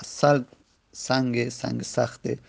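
A man teaching a grammar lesson, slowly sounding out each word and repeating it before he explains what it means. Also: medium pitch, level tone, vocal fry, a little mellow, breathy edge. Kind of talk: classroom lecture explaining verse word by word.

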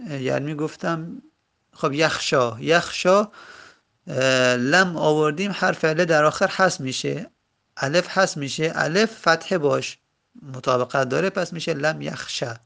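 Male teacher, slightly high, gravelly voice; slow, careful grammar explanations. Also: bright, forceful tone. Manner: careful, drawn-out examples, corrects own slips. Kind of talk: explaining lesson.

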